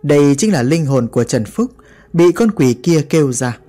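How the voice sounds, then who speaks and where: A man's voice: on the high side, expressive, normal speed, dark tone. A man narrating a horror story in a dramatic, vivid way.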